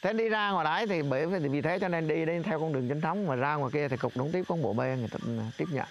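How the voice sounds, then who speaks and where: Gravelly older man recalling slowly. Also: fairly high pitch, lo-fi sound, a little hiss or hum. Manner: halting, repeats words as he recalls. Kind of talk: reminiscing interview.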